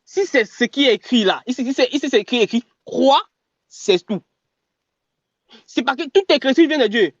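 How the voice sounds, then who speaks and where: A man with a very high voice argues his side in a heated online debate. He stumbles, restarts, and keeps begging for a hearing. The audio is dull, dry and lo-fi. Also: animated, dry recording. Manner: halting, keeps repeating "listen, brother".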